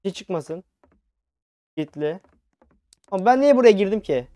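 A man's voice: high voice, lively intonation, measured pace, dark tone, no room sound. A young man commentating a horror video game he plays, nervous and jumpy, talking back to the game on a headset mic. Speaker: gaming channel host. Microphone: new headset mic.

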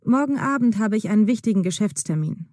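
A woman reading a smooth, evasive man who dodges questions and pitches bold plans. Soft, mellow voice in a dry, close recording. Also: lively intonation, quick pace, dry recording, close to an everyday voice. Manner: evasive, then upbeat and persuasive. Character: evasive, smooth-talking male gallery manager. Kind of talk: acted dialogue in a learner audio drama.

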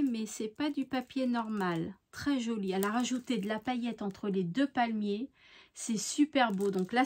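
Slow, admiring French-speaking crafter woman. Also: a little high. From France. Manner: slow, effusive, admiring, drops softly to near-whispers. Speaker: craft channel host. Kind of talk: casual mail-opening show-and-tell.

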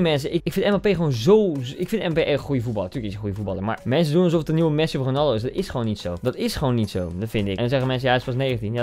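A young man giving excitable live commentary over his own football video game match, cheering loudly at goals and chatting to viewers. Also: mid-range voice. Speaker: gaming YouTuber.

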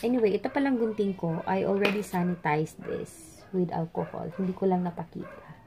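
At a table of potted plants indoors, a plant vlogger from the Philippines demonstrates plant care with her hands, chatting casually and switching between English, Tagalog and Bisaya. She has a Filipino Visayan accent and a medium-pitched voice with fairly even intonation and a fairly quick pace, against a noisy background.

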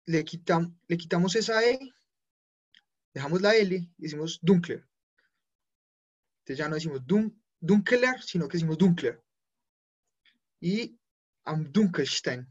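A man teaching a live online German class, who explains slowly, spells out endings and corrects himself often. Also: on the high side, breathy edge, lo-fi sound.

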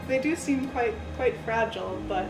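A woman's voice: on the high side, normal speed, creaky, poor audio. A young adult woman speaking as a scientist in a documentary interview. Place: indoor interview setting. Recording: music behind the voice.

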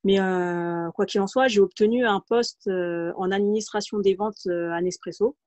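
A woman in her thirties from the Paris region recounts her career as an interview guest over a video call from a room at home, hesitating often with fillers and restarts. Her mid-range voice is steady and slightly mellow at a moderate pace, with no echo, though the lo-fi call audio sounds dull.

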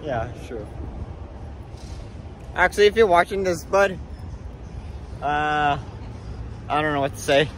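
A man with a high, very lively voice jokes and exclaims through a casual vlog. His pitch swings widely. Faint street noise sits behind him. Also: slow pace, long pauses. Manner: animated, joking, exclaiming. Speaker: vlogger. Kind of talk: casual chat.

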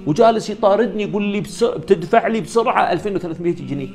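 A man's voice: sits high, a little fast, soft background music, pitched above the performer's own voice. A man voicing a desperate poor father who pleads fervently in prayer. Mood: tearful.

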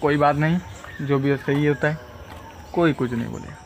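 This young adult vlogger has a slightly high, darkish-toned voice at a moderate pace. He talks casually and wanders from topic to topic while filming himself on a phone at arm's length outdoors in a rural village, amid insect and vehicle noise.

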